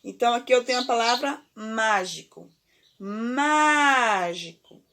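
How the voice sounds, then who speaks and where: Slow, high-voiced Brazilian woman teacher. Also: expressive, fairly bright tone. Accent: Brazilian Portuguese. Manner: slow, deliberate, stretches key words, frequent "certo?" and "ok?". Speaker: primary school teacher. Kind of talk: remote classroom lesson.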